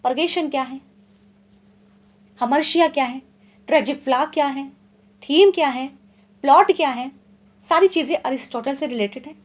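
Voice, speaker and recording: A woman from India teaches English literature in an exam-prep lecture, with a notably high voice. She reads each definition slowly and deliberately, then explains it in plain terms. She often checks in with short confirming asides.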